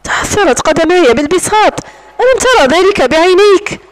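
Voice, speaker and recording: A woman's voice: extremely high pitch, lively intonation, fairly quick, pitched above the performer's own voice. A woman voicing a proud, defiant young woman held captive in an audiobook, speaking with scorn. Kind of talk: audiobook narration.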